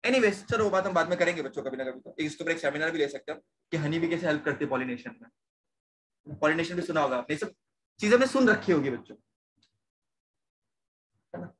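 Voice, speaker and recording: A man's voice: a little high, animated, brisk, long pauses, fairly bright tone. A young man teaching a science class, repeating questions to his students and mixing in English terms. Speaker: science tutor. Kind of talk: online class lecture.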